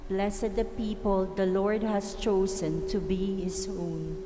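A woman's voice: medium pitch, flat delivery, slow. A woman reciting liturgical responses in a church with cathedral echo. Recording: cathedral echo, reverberant, noisy background.

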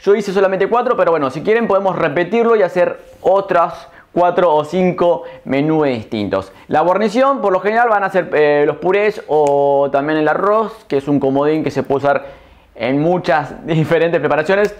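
A young man, talking loudly and animatedly to the camera on a lapel mic indoors, stumbling over his words now and then. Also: a little high, normal speed. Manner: animated, loud, tongue-tied chatter. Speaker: cooking channel host. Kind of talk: casual talk to camera. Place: indoor studio against plain wall.

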